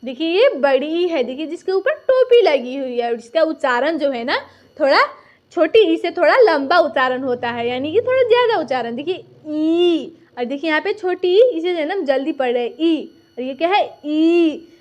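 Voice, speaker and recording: A woman's voice: sits high, lively intonation, brisk, a little mellow. A woman teaching a recorded lesson, patiently repeating each point and asking and answering her own questions.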